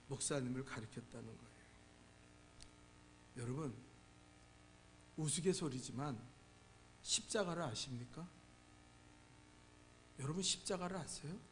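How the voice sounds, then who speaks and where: Fairly high-voiced preacher man. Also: a little slow, pauses often, slight background noise. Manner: dramatic storytelling, swings between soft and loud. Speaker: pastor. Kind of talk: sermon. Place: church.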